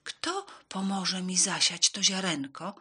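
A woman's voice: on the low side, steady tone, takes it slowly, sharp tone, husky, full character voice. A woman doing a patient little red hen. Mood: earnest.

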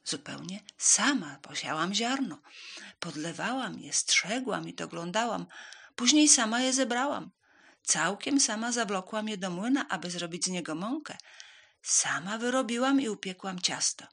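A hardworking little red hen, as a woman puts her on in a storybook read aloud, asking for help earnestly with lively rises and falls. The voice is bright and slightly breathy. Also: mid-range voice, normal speed. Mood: firm.

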